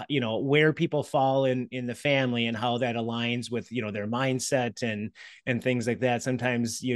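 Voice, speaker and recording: A middle-aged man hosts a podcast interview over a video call, talking into a headset in a dry home office. His tone is friendly and eager, with many fillers and quick restarts. His pitch sits in the middle range. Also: dry recording. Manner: warm, upbeat, frequent fillers and restarts. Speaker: podcast host. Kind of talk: casual interview.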